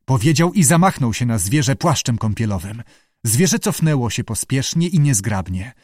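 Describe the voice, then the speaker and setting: An expressive male narrator reads a story, his voice rising and falling with a lively, animated lilt. The recording is close and dry, with no room echo. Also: mid-range voice, moderate pace, slightly rough. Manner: lively storyteller who acts out characters. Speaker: audiobook narrator.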